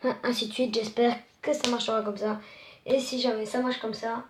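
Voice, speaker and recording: A woman's voice: on the high side, level tone, moderate pace, slight background noise. A woman casually introducing a video she reposts on her channel, rambling and apologetic. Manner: rambling, apologetic, talks with restarts.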